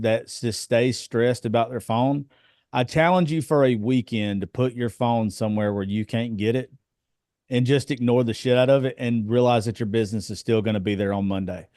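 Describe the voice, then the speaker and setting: A man's voice: medium pitch, darkish tone, no echo, studio quality. A man in his thirties chatting bluntly on a podcast, swearing freely and telling stories from his home life. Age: 30s. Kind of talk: casual chat.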